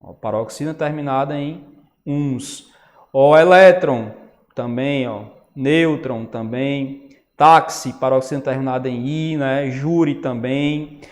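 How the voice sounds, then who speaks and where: A man's voice: medium pitch, measured pace. A man teaching a grammar lesson who explains step by step and keeps checking in with his students. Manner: explanatory, says "né?" and "ó" often. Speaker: Portuguese teacher. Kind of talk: online lecture on grammar. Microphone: writing on a tablet while talking. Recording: long reverb.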